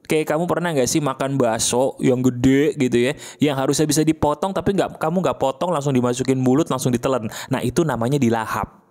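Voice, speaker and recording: Animated man coaching the listener. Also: fairly quick. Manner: animated, fires rhetorical questions at the listener; acts out the listener's objections in a higher voice. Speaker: motivational speaker. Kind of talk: casual motivational monologue.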